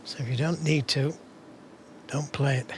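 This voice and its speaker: A man giving hushed, measured, analytical live snooker commentary as the co-commentator. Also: mid-range voice, fairly even intonation, slight background noise.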